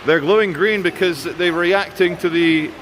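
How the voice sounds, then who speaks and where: A man's voice: sits high, normal speed, a crowd in the background. A man visiting a cave as a father on an outing, chatting casually with playful, exclamatory asides. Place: inside a show cave. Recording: clear background noise in a cave.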